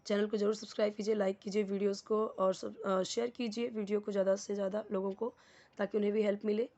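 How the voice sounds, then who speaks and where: A woman's voice: mid-range voice, level tone, dark tone, dull audio. Woman teaching step by step. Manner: mixes Hindi and English, reads sentences slowly then explains word by word. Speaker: English teacher. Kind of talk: explaining a lesson.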